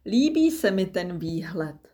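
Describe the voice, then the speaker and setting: A carefree, playful mother crocodile in a storybook, as a woman reading aloud puts her on. She sounds breezy and cheerful, in a slightly low voice. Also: sing-song, mellow.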